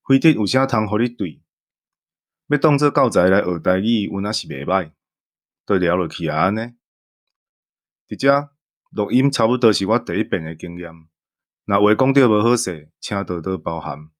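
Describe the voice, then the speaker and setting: A man with a Taiwanese accent and a lowish, expressive voice speaks at normal speed with frequent pauses. An amateur voice actor on an audio drama team, he gives listeners a casual farewell talk.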